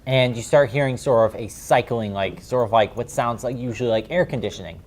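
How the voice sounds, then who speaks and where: A man runs a tabletop game, narrating scenes in a loose, rambling way full of fillers. His voice sits at a middling pitch. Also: a little fast. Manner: rambling descriptions with many fillers. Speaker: game master.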